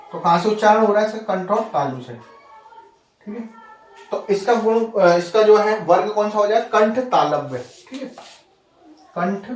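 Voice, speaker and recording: A high-voiced man teaches a grammar lesson patiently and repetitively, asking rhetorical questions often and checking that the class is keeping up. The mic is distant, the room echoes, and there's slight background noise.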